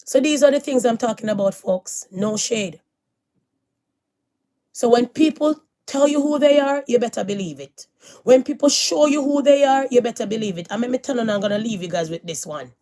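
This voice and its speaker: A middle-aged woman, talking to her viewers in a casual, preachy monologue. She repeats her phrases for emphasis and moves from loud declarations to hushed warnings. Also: a little high, moderate pace. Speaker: vlogger.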